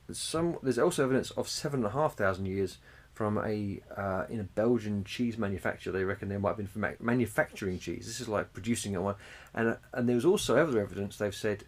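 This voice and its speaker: A man, co-hosting a casual podcast chat, swearing freely and chuckling as he talks. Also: lowish voice. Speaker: podcast co-host.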